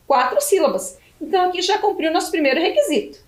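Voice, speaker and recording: A Brazilian Portuguese woman teaching a video lesson for young children, slowly stretching syllables as she spells words out. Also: very high voice, lively intonation, reverberant. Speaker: primary school teacher.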